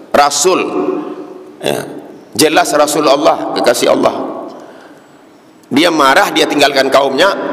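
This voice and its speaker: A man, preaching a slow, rhythmic Ramadan dawn sermon in a mosque, sometimes slipping into soft, pleading prayers. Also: medium pitch. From Indonesia. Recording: echoey, reverberant mosque hall.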